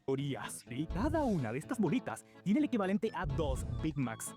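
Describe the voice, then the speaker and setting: A man's voice: on the high side, huge pitch swings, a little fast, music in the background. A man with an Argentine accent giving comedic scripted narration in a sarcastic, exasperated ranting manner. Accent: Argentine Spanish. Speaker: video narrator.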